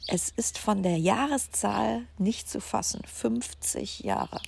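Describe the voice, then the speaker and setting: A woman's voice: medium pitch, slow, gravelly, darkish tone. A woman, telling personal stories for her podcast in a chatty, reflective way, recorded outdoors. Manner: chatty, reflective, with frequent fillers. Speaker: podcast host. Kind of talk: casual personal storytelling. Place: outdoors in a garden with birds and construction noise. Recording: outdoor recording with faint background noise.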